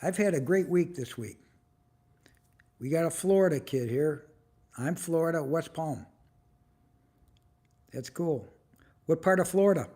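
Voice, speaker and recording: A man's voice: fairly high pitch, animated, warm tone, slightly rough. Chatty older man hosting a livestream. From United States. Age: 70s. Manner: chatty, asks viewers lots of quick questions. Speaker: livestream host. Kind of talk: casual livestream chat with viewers.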